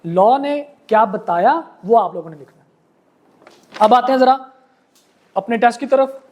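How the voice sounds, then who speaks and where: Slow, explaining male law lecturer. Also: very high-pitched, animated, muffled recording. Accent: Pakistani. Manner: explains slowly, reads case text word by word; addresses students as beta and janab. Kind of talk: classroom lecture.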